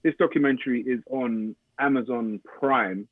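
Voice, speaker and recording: A man's voice: medium pitch, steady tone, normal speed, no echo. A man with a London accent chatting casually as a podcast co-host, slangy and given to emphatic repetition. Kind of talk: casual chat. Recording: narrow phone-like band, dry.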